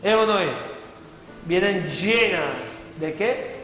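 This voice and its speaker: Male pastor, fairly high voice, fervent preaching with rhetorical questions; long hall reverb, faint music underneath. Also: takes it slowly, pushed and bright. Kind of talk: sermon. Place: church hall.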